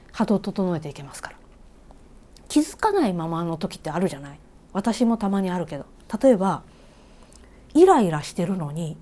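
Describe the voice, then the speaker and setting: A woman reiki teacher with a Kansai accent, giving a casual spoken lesson and asking the listener questions, with soft whispered asides. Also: fairly low pitch.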